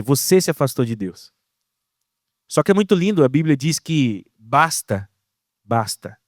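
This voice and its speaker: A young man with a Brazilian accent preaching a casual, slang-filled sermon in an animated way. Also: on the high side, no room sound, clean studio sound. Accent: Brazilian Portuguese.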